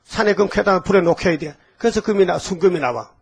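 Gravelly high-voiced older preacher. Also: male voice, fast. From Gyeongsang province, Korea. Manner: folksy and storytelling, quizzes the congregation and leads call-and-repeat reading. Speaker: pastor. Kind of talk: sermon.

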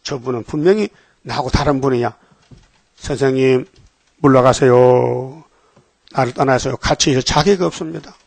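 A man's voice: medium pitch, normal speed, gravelly, pauses often, no echo, pitched below the performer's own voice. A man preaching a sermon acts out a humbled adult fisherman who pleads with his master and calls himself unworthy. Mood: pleading. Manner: pleading, self-abasing.

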